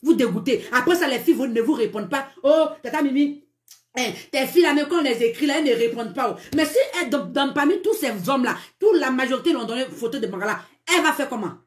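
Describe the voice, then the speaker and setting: A woman's voice: high-pitched, expressive, fast, few pauses, roomy sound. A woman with a Cameroonian French accent hosting a live stream with dating advice, scolding emphatically, repeating herself and laughing as she talks. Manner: emphatic, scolding, repetitive, laughs while talking. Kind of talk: live-stream relationship talk.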